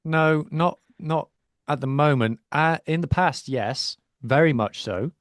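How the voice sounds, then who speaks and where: Recorded with no room sound, a man with a higher-pitched voice takes his time as he co-hosts a rugby podcast from home. His talk blends relaxed conversation and rugby analysis, delivered with self-deprecation.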